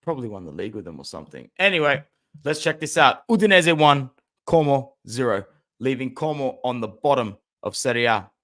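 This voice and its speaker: A young man hosting a casual football fan stream, chatting and reacting aloud to match highlights, with loud outbursts and low muttered asides. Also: sing-song, fairly quick. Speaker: football fan channel host. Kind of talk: casual live-stream commentary.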